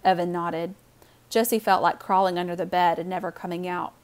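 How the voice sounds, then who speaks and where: A woman narrating a children's novel aloud in a calm, steady reading voice. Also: on the low side, brisk. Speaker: audiobook narrator. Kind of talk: storybook narration.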